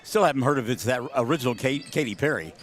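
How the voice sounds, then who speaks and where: A man calling a high school basketball game on the radio, jokey and excitable, yelling on big plays. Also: quick pace. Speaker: play-by-play announcer. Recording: gym crowd noise behind.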